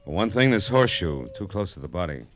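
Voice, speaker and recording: In classic 1940s radio detective style, a hard-boiled American private eye narrates in the first person with a low voice and a rapid clip, dry, slangy and sardonic, with a sing-song lilt. His mood is cool and probing, and the vintage recording sounds dull.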